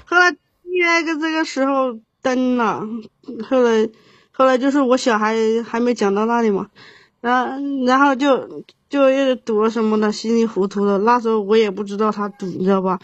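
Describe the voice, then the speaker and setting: A woman in her thirties tells a long, painful personal story on an advice call, rambling and halting with many restarts. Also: fairly high pitch, no echo. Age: 30s. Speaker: caller. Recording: dull lo-fi sound, dry.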